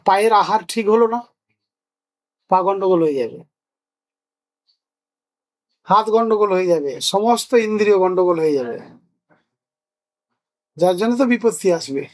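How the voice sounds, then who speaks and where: Male spiritual teacher with a notably high voice, patient and explanatory, teaching in a discussion. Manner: explains patiently, asks rhetorical questions. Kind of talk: spiritual discourse.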